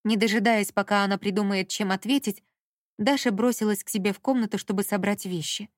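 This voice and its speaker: A woman narrating a story in a calm, even audiobook reading. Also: medium pitch, a little fast, no echo, studio quality.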